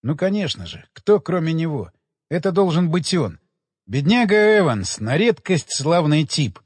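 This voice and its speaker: A man narrates an audiobook with a dramatic, expressive read. His voice is husky and moves widely in pitch. A long reverb trails after his lines. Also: measured pace.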